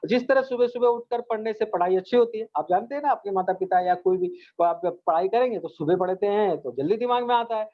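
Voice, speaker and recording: A man's voice: sits high, fast talker, few pauses. A man teaching a meditation lesson to school students, speaking in an earnest, repetitive, coaxing way and addressing them directly. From India. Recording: dull lo-fi recording.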